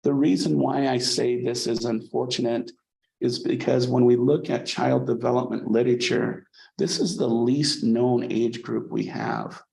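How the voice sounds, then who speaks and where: A man lectures in a mid-pitched, strongly gravelly voice. He is conversational, restarts phrases, and keeps asking his students "okay?". The sound is roomy and echoing. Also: steady tone, a little slow, darkish tone. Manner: conversational, frequent "okay?" checks, repeats words when restarting. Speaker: psychology instructor. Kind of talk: college lecture.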